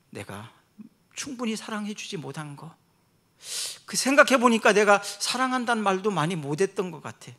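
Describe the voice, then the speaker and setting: Gravelly, bright-voiced earnest pastor. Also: male voice, on the high side. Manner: earnest, swings between soft reflective and loud emphatic. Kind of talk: sermon.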